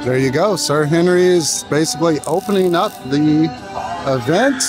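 Male vlogger, fairly high pitch, casual on-the-go event narration, light music behind. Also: normal speed. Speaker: vlog host. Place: outdoors at a haunted attraction at night.

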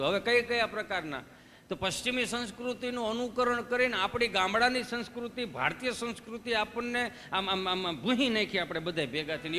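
A male stand-up comedian with a bright, high voice performs live Gujarati folk comedy (dayro) on stage before an audience, telling folksy stories, asking the crowd questions and acting out dialogues. The hall adds stage reverb, with faint music in the background.

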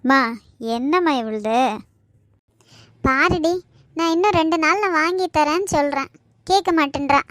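A woman's voice: high voice, measured pace, pauses often, fairly bright tone, dry recording, clean studio sound. A woman voicing a weary, exasperated mother in a cartoon. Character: tired, strained mother.

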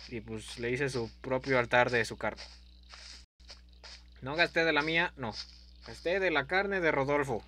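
A young man giving playful, goofy let's-play commentary, breaking into sudden yells and silly meowing. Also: mid-range voice, unhurried, long pauses, a little hiss or hum. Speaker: gaming youtuber.

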